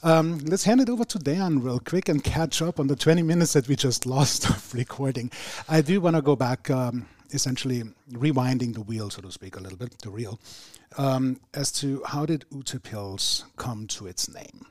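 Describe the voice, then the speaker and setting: Male podcast host, mid-pitched, chatty and rambling, dry close sound. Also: moderate pace, darkish tone, dry recording. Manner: chatty, rambling with self-corrections. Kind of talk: casual podcast interview.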